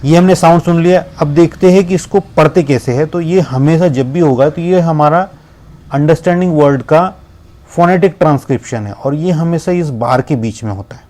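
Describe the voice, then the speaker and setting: A man teaches a lesson on pronunciation with a warm, relaxed voice. He explains patiently, mixing English terms into his Hindi and drawing out individual sounds of each word. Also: fairly high pitch. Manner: explains in Hindi with English words mixed in, slowly spelling out sounds. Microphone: laptop screen recording.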